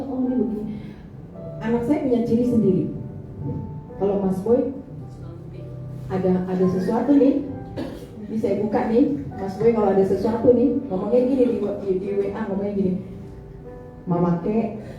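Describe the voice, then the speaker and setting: A woman's voice: a little high, brisk, pauses often. A middle-aged woman pastor giving a chatty, playful sermon in a church, teasing the congregation. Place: large church hall. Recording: echoey hall, distant mic, dull sound with music. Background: music.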